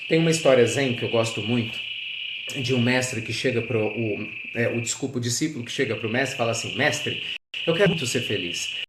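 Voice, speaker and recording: A man giving an earnest, reflective spiritual talk, animated and addressing his listeners directly. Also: medium pitch, noisy background. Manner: earnest, animated, with teaching asides. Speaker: spiritual speaker. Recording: echoey with loud crickets and frogs.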